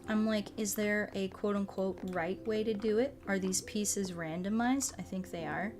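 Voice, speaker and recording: Music plays behind a streamer as she chats her way through a game, informal and rambling as she thinks aloud. As host, she speaks at normal speed in a mid-range voice.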